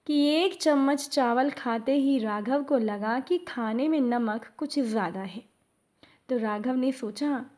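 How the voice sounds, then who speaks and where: Slow, calm woman telling a devotional story. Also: on the high side. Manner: slow, calm, addresses the congregation. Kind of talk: devotional moral story narration.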